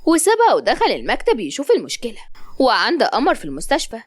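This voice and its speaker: Animated Sa'idi woman telling a serial story. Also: a little high, quick pace, dry recording. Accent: Upper Egyptian (Sa'idi). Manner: chatty, animated, addresses listeners directly.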